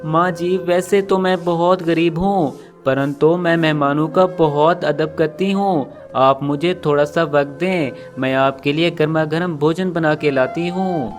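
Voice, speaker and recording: A man's voice: on the high side, fairly even intonation, measured pace, few pauses, faint music behind, lightly acted. A man doing a kind little sparrow. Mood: gentle. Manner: gentle and polite. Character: kind poor female sparrow.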